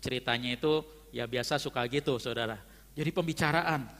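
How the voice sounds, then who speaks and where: A man's voice: medium pitch, brisk, fairly bright tone. A man preaching a fervent sermon and telling a story, often calling out to his listeners as brethren. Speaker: pastor. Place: church hall. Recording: long church-hall reverb.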